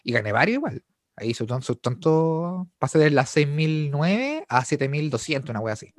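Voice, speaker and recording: Chilean man, young, animated storyteller, swooping lively pitch, dry close sound. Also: normal speed, no echo. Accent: Chilean Spanish. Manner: animated, laughing storytelling with slang. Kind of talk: casual chat.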